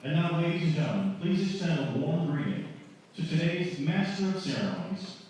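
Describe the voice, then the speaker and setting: A man's voice: on the high side, expressive, brisk, a little mellow, slight background noise. Distant echoey man announcing to a hall. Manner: polished, announcing. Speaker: event announcer. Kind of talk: formal announcement. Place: large museum hall.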